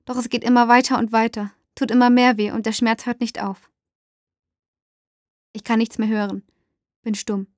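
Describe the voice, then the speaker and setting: A woman narrating a first-person story aloud, dramatic and rising to shouts in the dialogue. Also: fairly high pitch, flat delivery, normal speed, pauses often, no room sound, studio quality.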